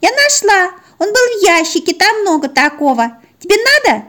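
A woman voicing an excitable, naive little female puppy in a squeaky childlike voice. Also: moderate pace, full character voice. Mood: proud.

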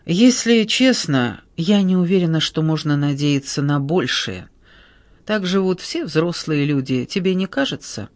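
A man voicing a carefree, resigned woman who talks in an unhurried way in an audiobook. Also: on the high side, animated, no echo.

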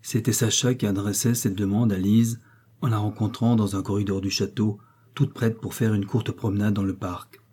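A man reading a novel aloud as audiobook narrator, in a measured, steady manner. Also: lowish voice, slightly rough. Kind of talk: scripted narration.

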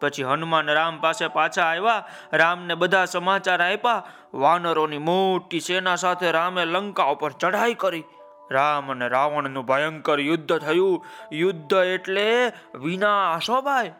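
A man's voice: a little high, unhurried, bright, forceful tone, soft background music. A man narrating a children's story, calling out to his listeners with folksy asides.

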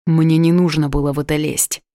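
A woman doing a quiet, guilt-ridden wounded young man. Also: sits low, flat delivery, a little fast, no echo, studio quality. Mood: guilty.

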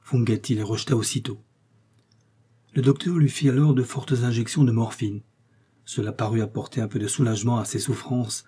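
Guy reading a novel out loud, mellow and a bit husky, steady pace. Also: medium pitch, normal speed. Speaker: audiobook narrator. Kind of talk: scripted narration of a novel.

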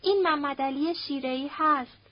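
A woman's voice: sits high, no echo, natural voice. A woman reading the part of a frightened young woman who pleads in everyday speech. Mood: pleading. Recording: dull lo-fi recording.

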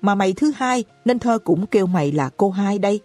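A woman voicing a hot-tempered young husband in an audiobook, hurling rapid, furious accusations. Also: medium pitch, expressive, a little mellow, dry recording, faint music behind, close to an everyday voice.

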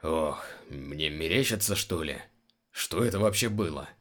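A man's voice: rumbling low, expressive, a little slow, a bit bright, heavily acted. A man reading the lines of a rueful, bluff male guard in his own voice.

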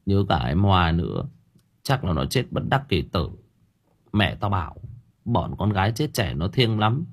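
A man's voice: low-pitched, very animated, measured pace, heavily acted. A man voicing a jumpy, easily spooked young man who talks bluntly, in an audio story. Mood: mournful. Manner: blunt, insistent, crude slang.

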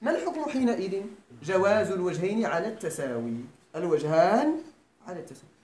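A Moroccan-accented man teaching Arabic grammar lectures a class at a Quran school, often posing questions to confirm students follow. His high, darkish voice moves quickly with big swings in pitch. Echo fills the room, along with faint background noise.

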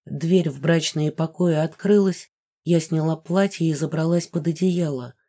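A woman narrating a first-person novel as an audiobook in a smooth, even storytelling manner. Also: low-pitched, a little slow.

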